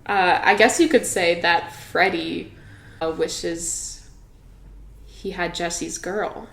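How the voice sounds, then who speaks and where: A woman's voice: lowish voice, steady tone, takes it slowly, creaky. A young woman hosting a podcast, chatting casually and giggling, with lots of filler words. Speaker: podcast host. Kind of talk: casual chat. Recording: echoey room.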